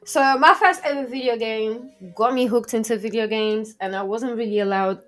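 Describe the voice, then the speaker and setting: A Portuguese woman in her twenties, a game streamer appearing as a podcast guest, chats casually in slangy English during an interview. Her voice is fairly high and fairly bright, at a moderate pace, with music playing behind the conversation.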